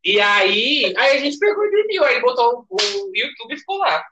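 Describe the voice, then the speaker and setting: Animated Brazilian man telling stories. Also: very high voice, moderate pace, dull audio, a little hiss or hum. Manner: animated, laughing storyteller. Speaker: podcast guest. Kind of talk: casual chat, storytelling.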